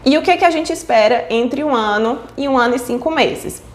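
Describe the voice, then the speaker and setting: A woman with a voice that sits high talks at normal speed, the recording reverberant with a little hiss or hum. She is giving an explanatory online lesson on child speech development, frequently checking in with listeners using fillers like "certo?" and "tá?".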